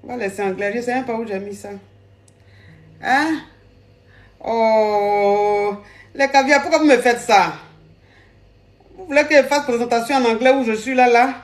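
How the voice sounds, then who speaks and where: A woman's voice: a little high, measured pace, pauses often. A woman hosting a live call-in advice stream, playful and repeating her phrases.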